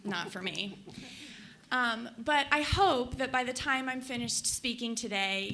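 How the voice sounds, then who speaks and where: In a conference hall, a young Colorado book editor reads her prepared speech from notes, sounding earnest and enthusiastic. She speaks a little high, with a bright, forceful tone, and there is slight background noise.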